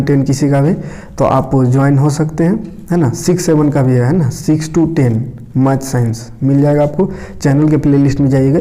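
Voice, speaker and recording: The voice is a man's, a little high and warm in tone, delivering an informal explanatory lesson. His Jharkhand Hindi accent marks him as from Jharkhand, India, and he frequently checks on listeners with phrases such as "okay" and "isn't it."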